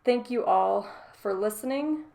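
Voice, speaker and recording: A woman's voice: medium pitch, a little slow, gravelly. Nasal woman reading financial news. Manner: plain, steady article reading, then loose casual sign-off. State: tired. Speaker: stand-in news reader.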